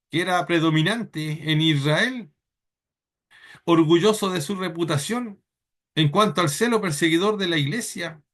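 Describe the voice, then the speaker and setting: A Chilean man with a high, slightly bright voice preaches a church sermon, his delivery plain throughout. He teaches earnestly but haltingly, often repeating words while he collects his thoughts.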